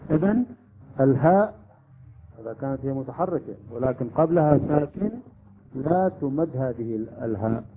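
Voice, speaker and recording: Male teacher, medium pitch, patient step-by-step explainer who keeps quizzing the class; dull lo-fi recording. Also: expressive, normal speed, slight background noise. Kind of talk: classroom lesson on Quran recitation rules.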